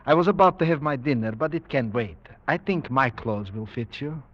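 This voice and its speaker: An actor playing a courtly aristocratic general in a vintage radio drama, formal, courteous and measured. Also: male voice, medium pitch, lively intonation, lightly acted. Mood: courtly, smooth. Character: suave, courtly aristocratic general, a menacing hunter host. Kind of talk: 1940s-50s radio drama acting. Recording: dull vintage radio recording.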